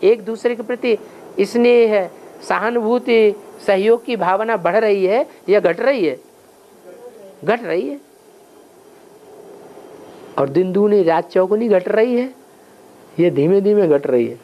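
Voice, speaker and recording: A man's voice: high voice, animated, slow, long pauses. Man teaching, rhetorical questions, lo-fi. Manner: asks rhetorical questions and answers them himself. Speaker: spiritual teacher answering questions. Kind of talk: spiritual class, question and answer. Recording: dull lo-fi recording with faint noise.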